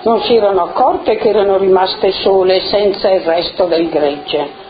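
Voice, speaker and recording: A woman leads a group activity, giving brisk instructions and then reading a fable aloud. The recording sounds a little dull. A faint hiss stays in the background. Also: mid-range voice. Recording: muffled with faint noise.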